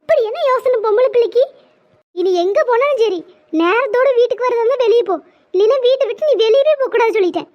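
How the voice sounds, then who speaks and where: Woman doing a stern old cartoon granny, lecturing, high voice, muffled. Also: moderate pace. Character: stern old village grandmother. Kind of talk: cartoon voice acting. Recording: slightly muffled lo-fi audio.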